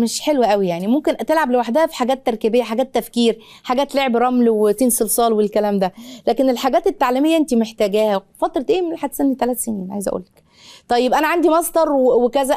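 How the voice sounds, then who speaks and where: Answering viewers' parenting questions on her show, this middle-aged Egyptian-accented woman talks fast and animatedly, slipping into playful voices and frequently starting over. Her pitch is a little high.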